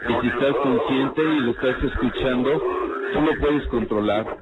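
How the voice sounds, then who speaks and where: A man's voice: medium pitch, moderate pace, heavy background noise. A male pastor probing a caller with insistent questions on an archive radio show. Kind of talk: radio call-in counseling. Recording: phone-like archive radio with music.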